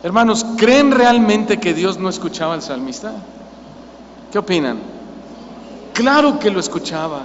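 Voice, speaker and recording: High-voiced Mexican pastor preaching in a hall. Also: male voice, sing-song, unhurried, pauses often, slight background noise. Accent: Mexican Spanish. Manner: emphatic preaching, asks the congregation questions, rises to loud cries. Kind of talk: sermon. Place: church hall. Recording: lo-fi church recording with long reverb.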